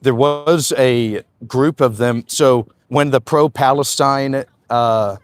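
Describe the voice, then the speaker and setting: Strolling on a casual livestream, a man in his twenties reads viewer comments aloud and chats loosely, often saying "uh" and "man." He takes it slowly, with a smooth mid-range voice and no echo.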